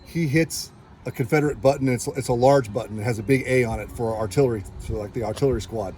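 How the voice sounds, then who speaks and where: A metal detecting hobbyist from California, United States, speaks at a quick pace in a medium-pitched, slightly mellow voice. He rambles casually through his story and acts out what people said, with a little hiss or hum present.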